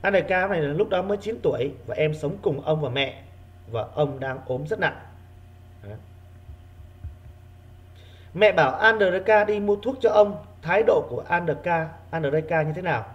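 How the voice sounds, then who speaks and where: A man's voice: a little high, animated. Male teacher drilling vocabulary, lo-fi. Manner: repeats key words slowly for pupils. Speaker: primary school teacher. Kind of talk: online reading lesson.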